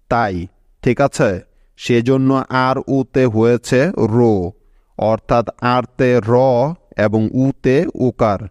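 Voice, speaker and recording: A man's voice: medium pitch, darkish tone, dry recording, clean studio sound. A man teaching English spelling rules to pupils, patiently repeating each step and stopping to check they understood. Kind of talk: scripted teaching narration.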